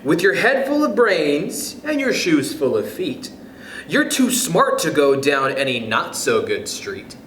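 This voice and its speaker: A young man reading a picture book aloud to children, gentle and animated, with soft chuckles and friendly asides. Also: fairly high pitch, unhurried, echoey room, a little hiss or hum, rough recording. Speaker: youth club storyteller.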